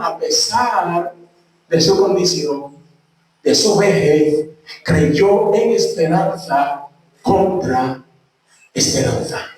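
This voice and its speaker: Male preacher, high voice, emphatic delivery with shouted peaks; distant mic in a reverberant hall with faint noise. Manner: emphatic, repeats lines, swings between shouting and low tones. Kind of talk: sermon. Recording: echoey room from far off, faint noise.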